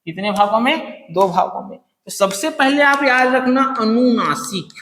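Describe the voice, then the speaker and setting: A man's voice: extremely high pitch, expressive, unhurried, fairly bright tone. A male teacher giving a grammar lesson, asking and answering his own questions and repeating key terms. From Chhattisgarh, India. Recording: echoey room with long reverb.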